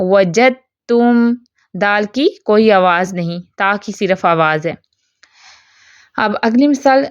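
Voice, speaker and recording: A woman teaching a Quran recitation lesson in speech, explaining rules patiently and reciting examples slowly. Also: on the high side, dry recording. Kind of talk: online tajweed lesson. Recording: dry, slightly dull lo-fi recording.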